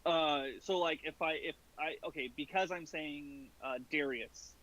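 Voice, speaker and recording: A man playing a tabletop role-playing game, talking casually and haltingly as he improvises. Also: fairly high pitch, pushed and bright, poor audio.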